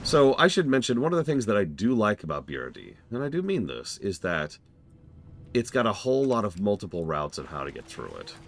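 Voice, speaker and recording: A man's voice: fairly low pitch, sing-song, fairly quick, slight background noise. A man giving casual, rambling live commentary as he streams a game, explaining things as he goes.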